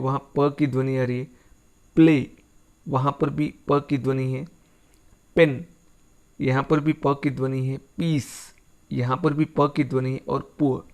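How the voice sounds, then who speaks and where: A man with an Indian accent teaching a phonetics lesson, repeating points patiently and mixing English words into his explanations. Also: on the high side. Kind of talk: classroom-style lesson.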